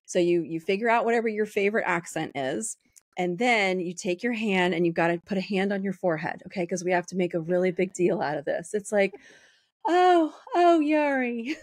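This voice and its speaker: A woman with a lowish voice hosts a podcast interview, chatting casually in a bubbly, playful way with quick bursts of enthusiasm. The sound is clean studio audio with no echo.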